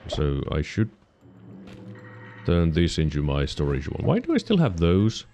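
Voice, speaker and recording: A man giving casual let's-play commentary, musing to himself with sudden excited yelps. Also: sits low, a little hiss or hum. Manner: musing, self-talking, quick excited yelps. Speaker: gaming channel host.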